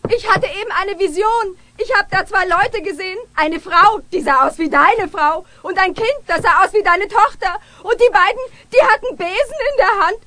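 A woman's voice: very high voice, moderate pace, hardly any pauses, sharp tone. A woman voicing a fussy, hysterical lady in a children's radio play, whiny and easily upset.

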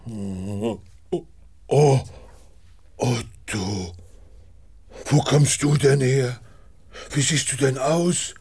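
An actor playing a gentle, kindly male elephant in a children's audio drama, with a soft, husky voice. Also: mid-range voice, full character voice. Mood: delighted. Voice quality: husky, slow, soft-spoken.

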